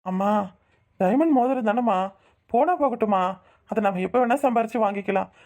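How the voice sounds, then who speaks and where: A woman's voice: fairly high pitch, darkish tone, natural voice. A woman voicing an earnest young cartoon groom. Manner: reasoning, respectful protest.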